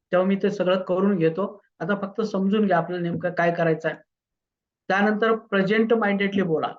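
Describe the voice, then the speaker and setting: A man's voice: sits high, dull audio. A man teaching public speaking in a lecture, repeating words for emphasis. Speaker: instructor.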